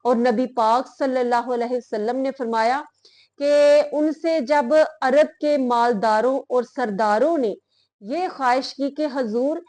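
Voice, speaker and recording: Woman preacher, high voice, slow earnest delivery, religious talk. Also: darkish tone. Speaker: religious speaker. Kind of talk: Islamic moral talk.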